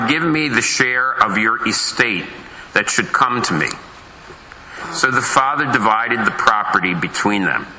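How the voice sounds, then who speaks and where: A pastor reading a Gospel passage aloud at Mass in a measured, solemn way, his voice carrying with a big church echo. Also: mid-range voice, sharp tone, slight background noise. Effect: big echoing church reverb. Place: large church. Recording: roomy echoing church sound.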